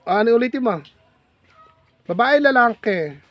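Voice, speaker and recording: A man's voice: very high voice, expressive, moderate pace. A man vlogging outdoors in farm fields, chatting with a child in a playful, teasing, coaxing way. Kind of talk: casual teasing chat with a child.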